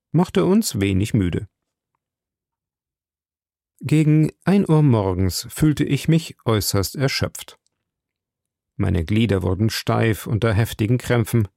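Give me a man narrating an audiobook slowly, with a dark, gravelly voice. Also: medium pitch, dry recording, clean studio sound. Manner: measured, dramatic first-person storytelling. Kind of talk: scripted narration.

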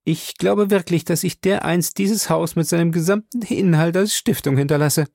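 A man's voice: on the high side, normal speed, gravelly, darkish tone, no echo, studio quality, voice pushed up. A man putting on a gushing chatty old lady. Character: chattering kindly older woman, flustered.

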